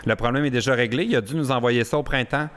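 A man's voice: mid-range voice, fast. A man with a Québécois accent hosting a podcast, chatting casually in a living room with lots of laughter and playful teasing. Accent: Québécois French. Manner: giggly, playful, lively teasing. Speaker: podcast host. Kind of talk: casual chat.

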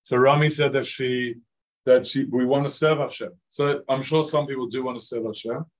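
A rabbi speaks with a mid-range voice, fairly even intonation, and a normal pace while teaching a relaxed lecture to students who are there in person. His style is conversational, loaded with "like," and punctuated by questions to the audience.

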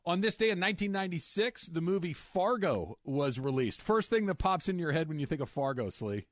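A man hosts a sports talk show in a casual, chatty way, stumbling over restarts as he jokes along. His voice sits a bit high for a man. It is recorded dry and close on a studio microphone. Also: animated, fairly quick, dry recording. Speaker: sports radio host.

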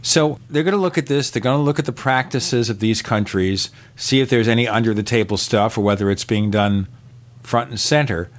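A man's voice: mid-range voice, brisk. A man hosting a podcast, chatting casually and asking his guest questions. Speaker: podcast host. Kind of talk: casual interview chat.

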